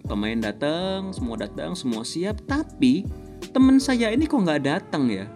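A man, hosting a podcast and telling a personal story in a casual, animated way, chuckling often. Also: fairly high pitch, measured pace, soft background music. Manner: animated, chuckles often, acts out quoted voices. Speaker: podcast host.

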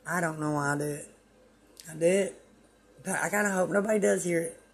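A woman's voice: on the low side, fairly quick. A woman host delivering a rambling, preachy spiritual monologue on her own channel, meandering and self-deprecating.

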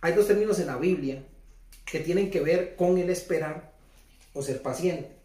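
Here a man with a fairly high but dark-toned voice preaches at a moderate pace. The sermon feels like a conversation: he keeps questioning the audience and repeating himself, and the audio is roomy and distant-miked.

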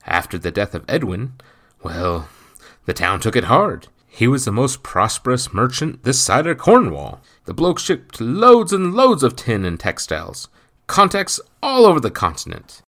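A man voicing a portly, nosy villager who blusters loudly through mouthfuls of food. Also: fairly low pitch, big pitch swings, a little slow, voice pushed up, exaggerated voice. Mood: blustering. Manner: loud, blustering, talks with his mouth full.

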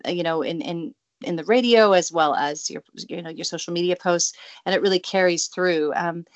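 A woman's voice: fairly low pitch, normal speed, dry recording, lo-fi sound. A woman hosting a radio interview, bubbly and gushing, with lots of fillers and little laughs. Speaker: radio show host. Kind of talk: casual interview.

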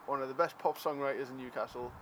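A man's voice: mid-range voice, fairly even intonation, fast talker. A man, chatting casually in a teasing, rambling way. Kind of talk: casual chat. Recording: noisy outdoor street with traffic.

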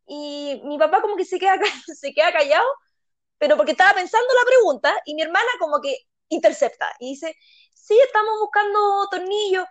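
A woman with a Chilean accent, co-hosting a casual chat and telling funny family stories with lively acted-out quotes. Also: high-pitched, fairly quick, no echo. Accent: Chilean Spanish. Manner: animated, acts out quotes, laughs often. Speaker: podcast co-host.

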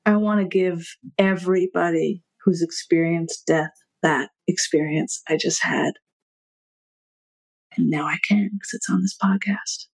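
A woman's voice: on the low side, steady tone, measured pace, creaky, poor audio. A woman hosting a podcast, closing a heartfelt conversation with her guest. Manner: heartfelt, searching for words. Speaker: podcast host. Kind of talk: emotional conversation.

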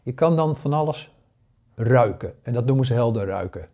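A man's voice: medium pitch, expressive, moderate pace, dark tone. A man, teaching a casual spoken lesson, hesitating often with fillers and restarts. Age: 60s. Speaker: paranormal course teacher.

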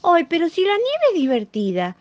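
A woman's voice: extremely high pitch, wildly swooping pitch, moderate pace, no room sound, muffled recording, voice pushed up, heavily acted. A woman with a Rioplatense accent voicing a curious little lamb who keeps asking questions and sticks to his own opinion. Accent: Rioplatense Spanish.

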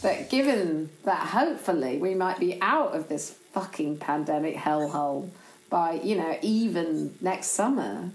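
A woman's voice: on the low side, animated, unhurried, darkish tone, reverberant, faint music behind, low-quality recording. A woman co-hosting a casual chat, rambling and chatty and laughing often. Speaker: podcast co-host.

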